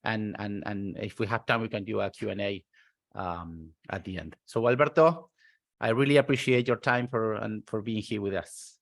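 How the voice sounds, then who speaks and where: A man hosting an online interview, enthusiastic and halting, with many fillers. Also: fairly low pitch, vocal fry. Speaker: interview host.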